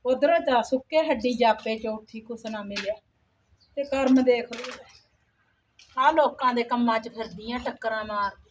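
A woman's voice: fairly high pitch, normal speed, a little hiss or hum, natural voice. A woman playing a poor young village mother who works as a day laborer, weary and complaining. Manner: plaintive, complaining, sighs to God. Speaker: actor in a home-made skit. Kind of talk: amateur village drama.

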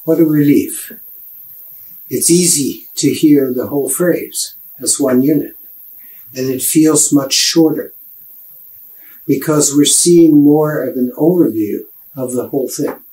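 An older man, a piano professor, giving a measured, explanatory music lecture. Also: fairly high pitch, mellow, rough recording.

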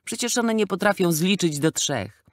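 Brief: man doing a lanky small-town cop in an audiobook, cocky, jeering, a bit higher and louder than the narrator. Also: animated, normal speed, dry recording, clean studio sound. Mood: mocking. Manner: mocking, laughing, careless. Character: skinny jokey small-town male policeman.

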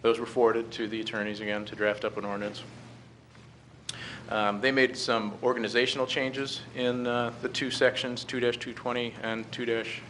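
A middle-aged American man presents to a city council from a podium in the council chamber, delivering a halting, measured formal briefing into a gooseneck microphone. His voice is medium in pitch and fairly bright, with little pitch movement. The meeting-room recording is clearly noisy.

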